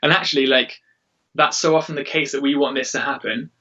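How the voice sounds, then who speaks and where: A man's voice: mid-range voice, fairly even intonation, brisk, pushed and bright. A man speaking casually and earnestly in an interview as a church worship leader, in an informal way. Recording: dull, distant-mic recording.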